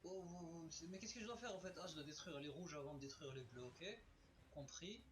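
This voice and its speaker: A man giving excited gameplay commentary as a let's player, exclaiming and swearing at enemies, recorded on a webcam's built-in microphone. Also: fairly high pitch, a little fast, noisy background. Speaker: let's play gamer.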